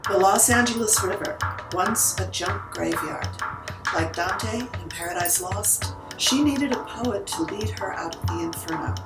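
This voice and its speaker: Female documentary narrator, lyrical, with an echoey, distant sound and loud music behind her. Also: medium pitch, measured pace. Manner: lyrical, dramatic.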